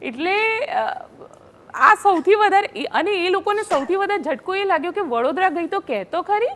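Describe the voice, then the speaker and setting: A woman journalist recounting field-reporting stories in a casual panel chat, animated and acting out quotes. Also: very high-pitched, moderate pace. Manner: animated storyteller, acts out quotes.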